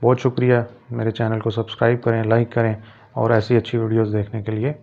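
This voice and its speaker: Gravelly-voiced man giving a religious talk. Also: medium pitch, completely flat delivery, warm tone, muffled recording. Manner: measured, with many pauses and hesitations. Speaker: channel host giving an Islamic talk. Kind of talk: explanatory religious talk to camera.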